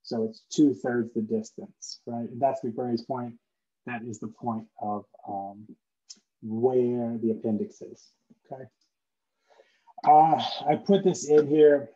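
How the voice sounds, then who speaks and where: A man's voice: medium pitch, steady tone, slow, dark tone. A man giving an online lecture in a casual explaining manner with lots of fillers, his voice muffled as if heard through a wall. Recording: dull, muffled lo-fi mic sound.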